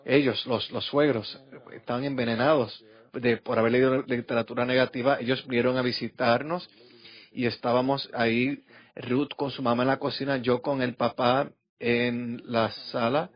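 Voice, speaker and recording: A middle-aged man preaches a sermon through personal stories, slipping into the voices of the people he quotes. His pitch sits in the middle range. The recording sounds dull and lo-fi. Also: little pitch movement, moderate pace. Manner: storytelling, acting out quoted voices.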